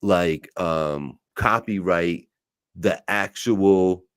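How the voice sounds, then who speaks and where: A man's voice: low voice, very slow, a bit bright, clear, resonant tone, no room sound, studio quality. A man co-hosting a casual podcast, laid-back, asking questions and agreeing often. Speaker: podcast co-host. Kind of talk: casual chat.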